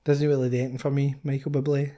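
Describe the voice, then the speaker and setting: Scottish guy cohosting a podcast, rambly excited banter. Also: medium pitch, racing. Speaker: podcast co-host. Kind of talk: casual chat.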